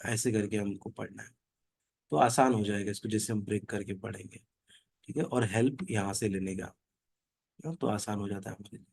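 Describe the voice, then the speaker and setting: A man leading an online reading group who chants verses slowly and then explains them in casual, conversational talk. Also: on the low side, creaky, a little mellow, slightly rough, no room sound. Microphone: online video call.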